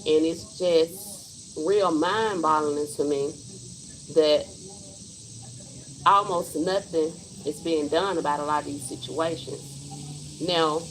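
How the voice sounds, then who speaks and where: A woman's voice: deep voice, steady tone, slow, pauses often, slight background noise, low-quality recording. A woman in her forties, hosting a casual livestream and speaking her mind bluntly and emphatically. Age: 40s. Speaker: livestream host.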